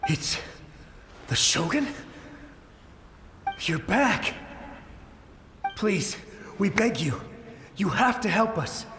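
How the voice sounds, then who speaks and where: A man's voice: high-pitched, big pitch swings, drawn-out words, pauses often, background noise, exaggerated voice. An actor playing the anguished ghost of a desperate samurai soldier in a video game, pleading and urgent in his delivery. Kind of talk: dramatic video game voice acting. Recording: echoey long reverb, music behind. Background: game music.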